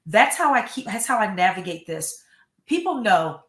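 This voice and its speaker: A woman's voice: mid-range voice, sing-song, moderate pace, a bit bright, reverberant. A middle-aged American woman, a school superintendent, giving earnest, emphatic interview answers and often repeating words. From United States.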